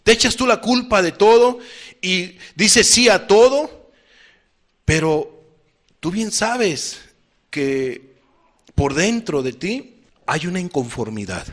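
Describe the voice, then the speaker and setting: Guy preaching, emphatic, keeps repeating himself, voice on the higher side. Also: very animated, takes it slowly, pauses often, a bit bright. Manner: emphatic, repeats key phrases and addresses listeners as beloved. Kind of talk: sermon.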